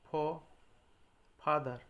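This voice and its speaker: A man teaching an English lesson, slowly spelling out letters and example words one at a time. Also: dull audio. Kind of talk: slow spoken English lesson.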